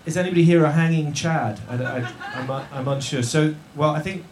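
A man hosting a live show to an audience in a yurt venue, jokey and halting, with many restarts and fillers. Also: a little high, steady tone, a crowd in the background. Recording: roomy tent echo, faint noise.

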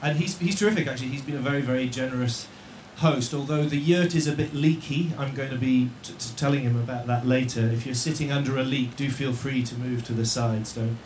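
A man hosting a live show to an audience in a yurt venue, jokey and halting, with many restarts and fillers. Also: medium pitch, a little mellow. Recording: roomy tent echo, faint noise.

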